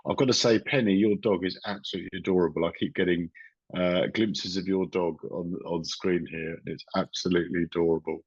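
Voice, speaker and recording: A middle-aged man with a low, husky voice walks through how things work, stopping and restarting his sentences. He sounds dry and close, and the video call audio is dull and lo-fi. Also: steady tone, a little fast, no room sound. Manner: explanatory, many small restarts. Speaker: retired police officer and crime writer. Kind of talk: casual video interview.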